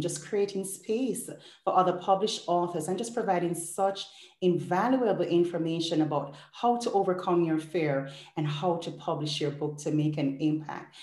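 A woman's voice: lowish voice, darkish tone, roomy sound. A woman hosting a podcast, reading an intro in an effusive, rhythmic listing style and then interviewing a guest. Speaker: podcast host.

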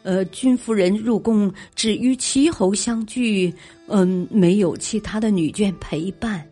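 A woman voicing a nervous male attendant who reports haltingly with many fillers. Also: medium pitch, warm tone, breathy edge, soft background music. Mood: hesitant. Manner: hesitant, full of fillers.

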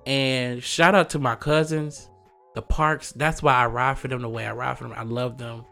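A man hosting a podcast, telling a personal story in a casual, animated way, laughing often and acting out the voices he quotes. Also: mid-range voice, moderate pace, gravelly, faint music behind. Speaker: podcast host.

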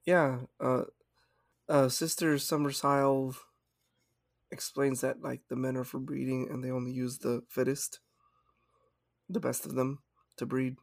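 A man's voice: mid-range voice, flat delivery, measured pace, vocal fry, long pauses, no room sound, clean studio sound. A man hosting a podcast in casual chat, hesitant and full of fillers. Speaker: podcast host.

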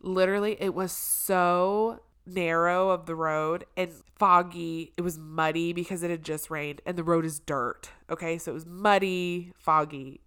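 A woman's voice: fairly low pitch, a little slow, hardly any pauses, smooth. A woman co-hosting a podcast, telling a story in casual chat and acting out the people in it. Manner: animated storyteller, acts out quoted relatives loudly. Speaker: podcast co-host.

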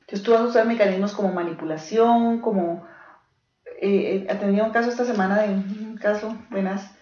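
A woman with a dark, mid-range voice and a steady tone teaches a small live group a little fast. She is earnest and direct, illustrates points with pastoral case stories, and keeps checking in with the audience. The echoey room sounds dull and lo-fi, with faint hiss.

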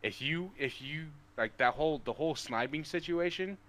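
A young man chats casually as a guest, his pitch swinging widely. He stumbles over his words, restarts often and drops "bro" and "dude" as he goes. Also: expressive, a bit bright. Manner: halting, many restarts, says "bro" and "dude". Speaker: guest, pro esports player. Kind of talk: casual interview chat.

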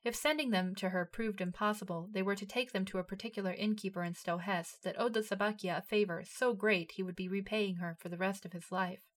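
A woman reads a story aloud in a steady narrating voice. She keeps an even, unhurried storytelling manner. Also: medium pitch. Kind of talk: reading fan fiction aloud.

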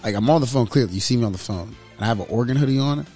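Over soft music, a young podcast co-host talks sports in a loose, swear-filled conversation, his mid-range voice coming out rapid-fire. He gets animated and acts out quotes by raising his voice.

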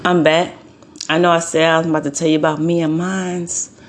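A woman's voice: sits low, little pitch movement, fairly quick, slight background noise. A woman in her forties, a tarot card reader, delivering a heated, profane rant to her viewers and repeating her points for emphasis. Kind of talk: heated ranting monologue.

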